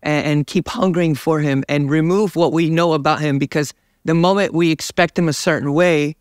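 Casting: young male evangelist, slightly higher voice, smooth and resonant, fervent preacher cadence, dry studio. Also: fairly even intonation, fairly quick, no echo. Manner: fervent, preacher-like, gestures while talking. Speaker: evangelist guest. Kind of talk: interview about faith. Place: dark studio set, seated.

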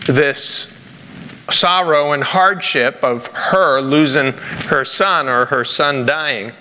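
A male pastor from Rhode Island delivers a sermon with scripture reading from the pulpit of a large church sanctuary. His voice is bright and on the high side, and his phrasing is slow, halting and deliberate. He wears a lapel mic, and the church hall sounds echoey with background noise.

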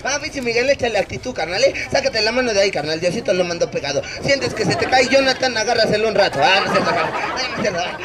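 High-voiced Mexican street comedian. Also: male voice, lively intonation, fast talker, hardly any pauses. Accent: Mexican Spanish. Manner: crude, teasing, slangy banter with the crowd. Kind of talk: street comedy show with crowd banter. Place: outdoors in a city plaza. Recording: loud crowd noise outdoors. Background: large crowd laughing.

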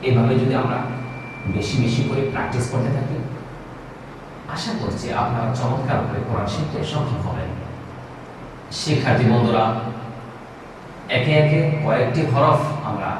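A man's voice: medium pitch, normal speed, pauses often, background noise. A man from Bangladesh with a Bangladeshi Bengali accent, teaching Quran letters in a patient, repetitive way and drawing out each sound. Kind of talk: recorded recitation lesson. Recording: echoey hall, voice from a distance.

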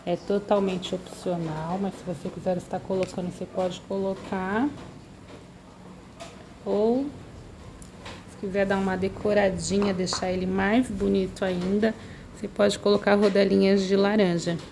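Speaking a bit slowly, with medium pitch and fairly even intonation, a woman presents a recipe step by step on her home cooking channel. She's friendly and sprinkles in lots of diminutives, over a noisy background.

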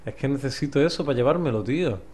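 A young man with an accent from Spain, commentating a puzzle game as he plays, muttering, swearing and now and then yelling in frustration. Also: medium pitch, fast. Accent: Spanish from Spain. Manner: swears a lot, mutters to himself, bursts into frustrated yells. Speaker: gameplay commentator. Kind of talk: let's play commentary.

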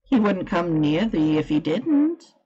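A woman voicing a cheerful farm boy who talks to birds, in a broad with a gentle, friendly manner, in a storybook reading. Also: lowish voice, big pitch swings, takes it slowly, lo-fi sound.

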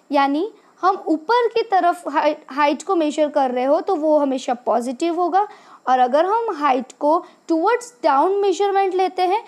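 Woman, teacher, science slide lesson voice-over, high voice, slow deliberate pace. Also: darkish tone. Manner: slow, deliberate explanation mixing English and Hindi.

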